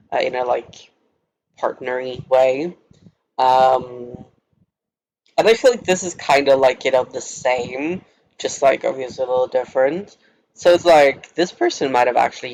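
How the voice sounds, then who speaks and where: Speaking with a mid-range voice and vocal fry, this young Norwegian man vlogs a rambling, casual story to camera in his native language. He giggles frequently and fills his talk with filler words, captured in a rough recording.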